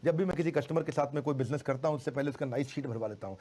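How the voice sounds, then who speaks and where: A middle-aged man giving a motivational sales lecture, animated, slowly repeating key phrases for emphasis. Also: mid-range voice. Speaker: sales trainer.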